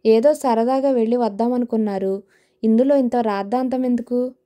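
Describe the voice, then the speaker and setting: A woman's voice: a little high, fairly even intonation, moderate pace, dark tone, lightly acted. A woman reading a joking middle-aged father. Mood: teasing. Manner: wry, joking. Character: teasing good-humoured father, middle-aged man.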